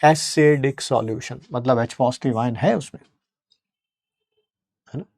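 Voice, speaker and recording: A male chemistry teacher giving a lively, conversational lecture, mixing English terms and checking in with students often. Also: mid-range voice, a little slow.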